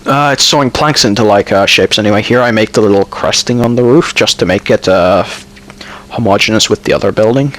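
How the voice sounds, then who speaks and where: A Finnish man, a native Finnish speaker with a Finnish accent, casually narrates his building in a game, rambling, hesitating with ums, correcting himself, and slipping in dry asides. His lowish, slightly bright voice runs a little fast over a bit of hiss or hum.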